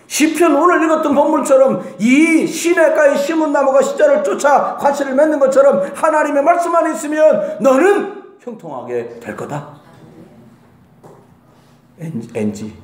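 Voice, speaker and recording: A male pastor preaching a sermon, swinging between shouted lines and quiet asides. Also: extremely high pitch, echoey room. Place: church sanctuary.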